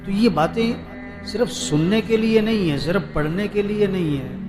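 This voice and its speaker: Preacher asking rhetorical questions over music. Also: male voice, sits high. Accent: Pakistani Urdu. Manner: rhetorical questions, call-and-response repetition. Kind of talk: sermon to a seated gathering.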